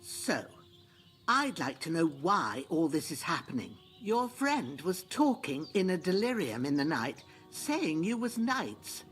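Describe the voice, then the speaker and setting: Weak old village woman for a game: aggrieved, blunt and rustic, with lively intonation. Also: low-pitched, a little slow, faint music behind. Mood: indignant. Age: older. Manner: plain-spoken, rustic, complaining. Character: weak old peasant woman, weary and indignant. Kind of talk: video game voice acting.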